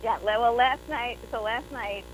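A woman's voice: on the high side, normal speed, poor audio. Chatty New York woman guest. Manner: chatty, many fillers, warm. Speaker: actress and writer guest. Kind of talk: interview conversation.

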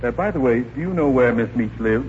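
A man's voice: medium pitch, animated, a little fast, natural voice. Man acting fussy Mayor LaTrivia, muffled radio. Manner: polite, hesitant, repeats himself. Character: courteous, fussy, flustered small-town mayor. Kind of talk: 1940s radio comedy acting. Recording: muffled 1940s radio recording with hiss.

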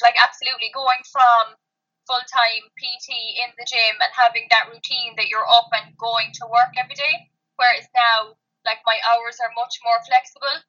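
A woman's voice: on the high side, sharp tone, lo-fi sound. A woman from Kerry with a west of Ireland Kerry accent, chatting casually as an interview guest and peppering her sentences with "like". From County Kerry, Ireland. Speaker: interview guest, online fitness coach.

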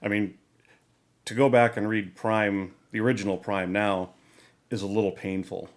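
A man co-hosting a casual podcast chat, talking in a measured, meandering way. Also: fairly low pitch, level tone. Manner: measured, many fillers and restarts. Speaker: podcast co-host.

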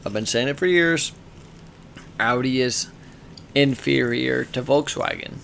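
A man's voice: medium pitch, a little slow, creaky, a bit bright, a little hiss or hum. A tipsy man co-hosting a casual podcast, rambling, swearing and stumbling over his words. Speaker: podcast co-host. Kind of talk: casual chat.

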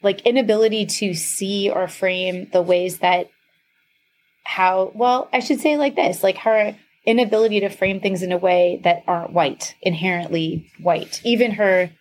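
A woman's voice: medium pitch, steady tone, unhurried. A woman co-hosting a podcast in casual chat, rambling with fillers, swearing and laughing often. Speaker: podcast co-host.

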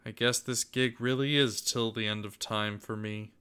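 A man narrating a scripted dramatic story as host, in a deliberate, expressive way. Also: lowish voice, clear, resonant tone.

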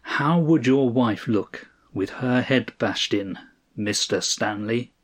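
A man's voice: medium pitch, expressive, a little fast, darkish tone, slightly rough. A man voicing an angry, brawny male head mechanic who demands and threatens. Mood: menacing. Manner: aggressive, demanding, mocking.

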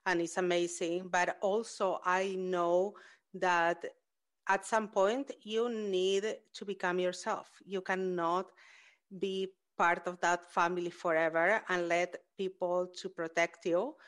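A woman's voice: on the low side, little pitch movement, takes it slowly, a bit bright. A woman hosting an interview, English is not her first language, speaking in an earnest, reflective way. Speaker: host. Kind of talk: interview conversation.

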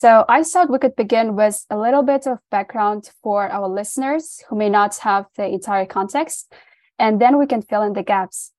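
Heard in a clean studio recording with no room sound, this woman's voice is medium in pitch and slightly mellow. She hosts a podcast, reading scripted guest intros and putting questions to guests politely and cheerfully.

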